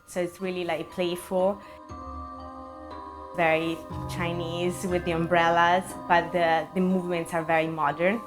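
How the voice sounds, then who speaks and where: A young adult woman explains a dance piece in a plain, slightly hesitant way. Her voice is lowish and even in pitch. Music plays clearly in the background. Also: a little slow. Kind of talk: interview answers.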